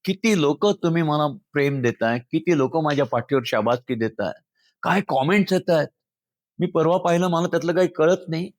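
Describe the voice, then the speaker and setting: Earnest man with a slightly high voice. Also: moderate pace, no room sound. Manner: earnest, emotional, speaks directly to listeners as friends. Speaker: speaker addressing social media followers. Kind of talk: heartfelt talk with poem recitation.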